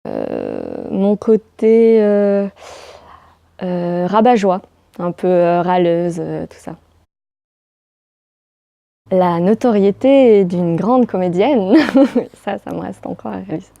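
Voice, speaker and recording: Actress in interview, playful and giggly, mellow tone, dry close sound. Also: female voice, fairly low pitch, big pitch swings, slow pace, gravelly, long pauses, dry recording, muffled recording. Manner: playful, giggly, rambling with fillers. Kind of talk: casual interview answers.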